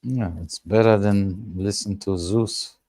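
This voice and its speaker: Slow, low-voiced man. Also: steady tone, dark tone, no room sound, studio quality. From Germany. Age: 30s. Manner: halting, searching for words. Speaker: panel guest. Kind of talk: casual live panel chat.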